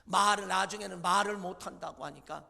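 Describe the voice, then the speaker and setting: A man pastor preaching a Sunday sermon, retelling scripture dramatically with acted quotes, moving between loud outbursts and low hushed lines. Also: brisk, gravelly, in a large hall. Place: church sanctuary.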